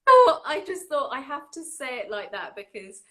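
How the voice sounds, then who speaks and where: A woman hosting a casual chat, animated and laughing often as she tells stories. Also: high voice, normal speed. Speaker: orchestra violinist and host.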